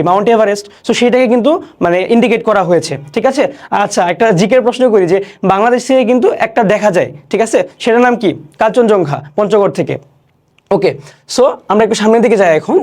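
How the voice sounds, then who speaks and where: Young man, high voice, online lesson, repeats questions and answers, slow careful recitation. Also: darkish tone. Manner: recites poem lines slowly. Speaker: teacher. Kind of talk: online class lecture.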